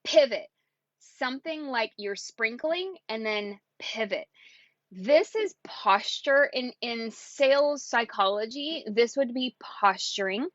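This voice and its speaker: A woman giving casual sales coaching in an excitable, chatty way. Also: on the high side, slow pace, no echo, dull audio. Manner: excitable and chatty, acts out quotes. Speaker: network marketing coach.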